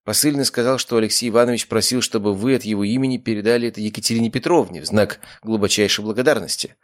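A curious young woman receptionist, as a male storybook reader puts her on, lively and polite, in a voice lifted above the reader's usual low range. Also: quick pace, lightly acted.

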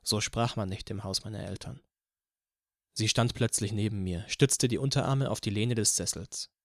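A man narrating an audiobook in a calm, even first-person reading. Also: on the low side, normal speed, dry recording, clean studio sound. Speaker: audiobook reader.

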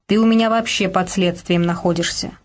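A woman's voice: on the low side, steady tone, a little fast, a little hiss or hum, natural voice. Woman voicing a bullying male Soviet official. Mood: menacing.

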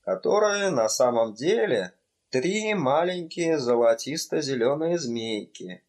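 Man doing young student, dreamy, excitable, slightly higher voice, slow, audiobook. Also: full character voice. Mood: fervent. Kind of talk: audiobook character voice.

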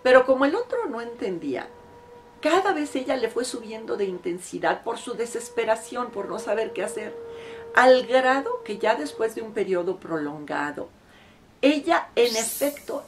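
A woman's voice: on the high side, animated, moderate pace, slight background noise. A middle-aged woman counselor giving relationship advice straight to camera, earnest and emphatic. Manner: earnest and emphatic, acting out quoted clients.

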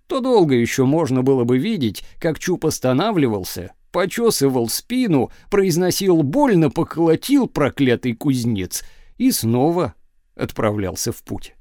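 A man's voice: a little high, very animated, moderate pace, a little mellow, dry recording, studio quality. A man reading a classic story aloud as an audiobook narrator, telling it expressively. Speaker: audiobook reader. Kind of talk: scripted literary narration.

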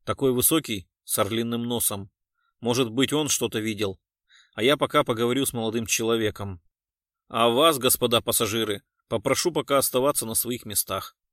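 A composed, ironic police colonel who questions suspects with cold calm, read by a male narrator. The voice sits in a steady middle range. The sound is dry and close. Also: mid-range voice, brisk, dry recording, voice pushed down, lightly acted. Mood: commanding.

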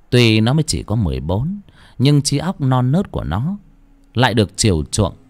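A man narrating a story, with a dramatic, expressive reading. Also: medium pitch, dry recording. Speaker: audiobook narrator.

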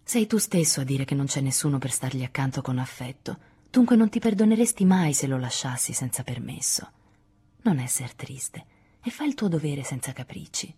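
A woman voicing a dutiful, motherly teenage girl gently urging a friend, in a storybook reading. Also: very deep voice, expressive, normal speed, slightly rough, exaggerated voice. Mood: earnest. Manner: gentle, earnest.

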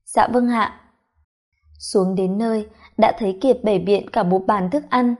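A woman narrating a first-person story in an expressive, scripted way. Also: medium pitch, normal speed.

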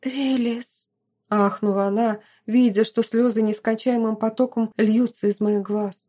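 A woman's voice: mid-range voice, flat delivery, normal speed, dark tone. A woman narrating a novel in the first person as an audiobook reader.

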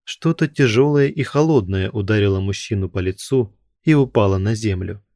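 A man narrating a horror story in a measured, unhurried storytelling manner. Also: lowish voice, warm tone, no echo, studio quality. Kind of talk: audiobook narration of a horror tale.

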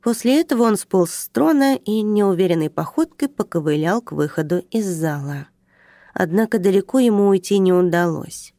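A woman narrating a story aloud in an expressive, even reading voice. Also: medium pitch, moderate pace, no room sound, clean studio sound. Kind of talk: audiobook reading.

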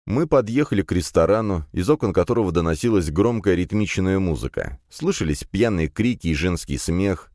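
A man narrating a fantasy audiobook in the first person, in a lively storytelling manner. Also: sits low, brisk, few pauses, dry recording. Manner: lively storytelling with acted dialogue. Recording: dry close studio.

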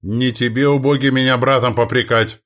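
A man voicing a blustering, irritable and cowardly middle-aged duke in an audiobook, talking in an indignant shout. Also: mid-range voice, very animated, unhurried. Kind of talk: audiobook character voice.

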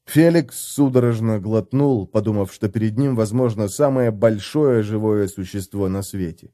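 A man reading fantasy fiction in steady, measured scripted narration for an audiobook. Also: fairly low pitch, dry recording, clean studio sound.

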